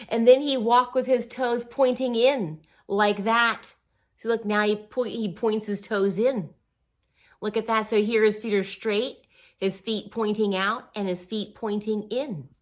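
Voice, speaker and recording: Here a woman of medium pitch reads to young children from a picture book, speaking in simple, encouraging terms. She emphasizes words expressively and adds small asides and questions.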